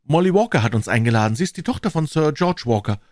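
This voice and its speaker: A man's voice: on the high side, lively intonation, fast talker, darkish tone, dry recording, studio quality, voice pushed up, natural voice. Man doing a bubbly young schoolgirl. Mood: cheerful. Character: cheerful, friendly young schoolgirl.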